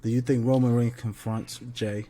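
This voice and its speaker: A man's voice: medium pitch, level tone, normal speed, warm tone, slight background noise. A man co-hosting a podcast in casual chat, with laid-back slangy banter and frequent laughter. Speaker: podcast co-host.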